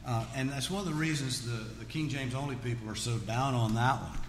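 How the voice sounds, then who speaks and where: A male Bible teacher with a mid-range voice talks a little fast, teaching scripture to an audience in a relaxed, folksy style with humorous asides and audience questions. He's in a large echoey room, and the recording picks up hall echo and background noise.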